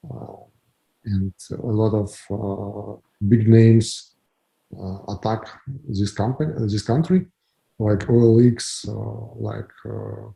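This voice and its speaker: Ukrainian man, deep gravelly voice. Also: dark tone, rough recording. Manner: halting, many fillers and restarts. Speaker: guest, company founder. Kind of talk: interview answers.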